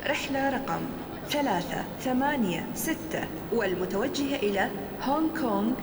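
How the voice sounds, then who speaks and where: A woman airport announcer reading formal, scripted boarding calls in measured, segmented phrases. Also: on the high side, animated, roomy sound.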